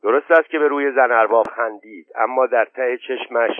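A man narrating an audiobook in a steady, measured literary reading. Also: mid-range voice, no room sound. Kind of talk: scripted novel narration. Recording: tinny narrow-band, dry.

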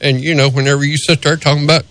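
A man's voice: fairly high pitch, flat delivery, racing, fairly bright tone, no echo. A plain-spoken, folksy man with a Southern US accent and a country drawl, chatting casually on the radio. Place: radio studio.

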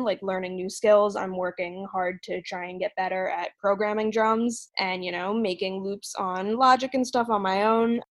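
A woman who works as a session drummer, speaking softly and earnestly on a video call from her apartment, getting a little emotional. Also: medium pitch, dry recording, low-quality recording. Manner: soft-spoken, earnest, gets emotional. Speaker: session drummer at a virtual meetup. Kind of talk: casual sharing at an online group call.

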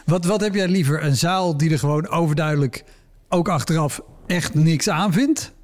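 Male interviewer, higher pitch, probing and curious, relaxed conversation. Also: moderate pace. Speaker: podcast host. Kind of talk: casual interview chat.

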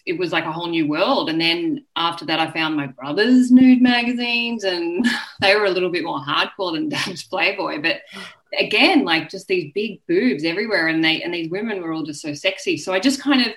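A woman's voice: lowish voice, sharp tone, low-quality recording. A woman in her early forties, a guest author frankly telling a personal story and acting out the voices of people she quotes. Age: early 40s.

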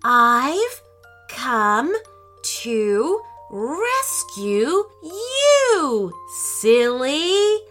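A woman voicing a kind, slow-talking male super sloth hero in a children's story. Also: sits high, big pitch swings, fairly bright tone, faint music behind, voice pushed up, full character voice. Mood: gentle. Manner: slow, drawn-out, soothing.

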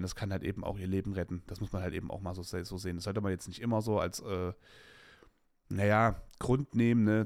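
A podcast host in his late twenties gives a casual personal monologue, rambling candidly with lots of slang and restarts. His voice is on the low side and a little mellow, recorded with clean studio sound and no echo.

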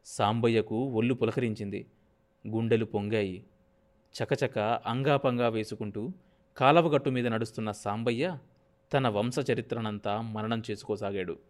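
A man narrating a novel as an audiobook, in a steady, measured storytelling manner. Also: lowish voice.

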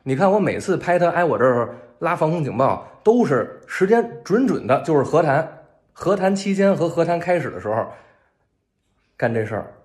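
A man with a Beijing accent talks straight to his viewers in a casual monologue. His humor is wry and deadpan. His voice sits a little high and swings widely in pitch. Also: normal speed. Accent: Beijing Mandarin. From Beijing, China. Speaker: civilian in a war zone posting a video.

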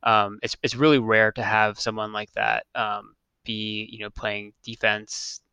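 Guy co-hosting a sports pod, crisp bright voice, kinda flat, breaks stuff down. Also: fairly low pitch, no echo. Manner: measured, analytical, repeats words. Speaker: podcast co-host. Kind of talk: casual sports podcast chat.

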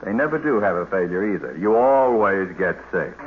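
An actor playing a pompous, educated mayor with a formal, droll manner in old radio comedy style. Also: male voice, low voice, lively intonation, moderate pace. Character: genteel, pompous male small-town mayor. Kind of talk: 1940s-50s radio comedy acting. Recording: dull, hissy old radio recording.

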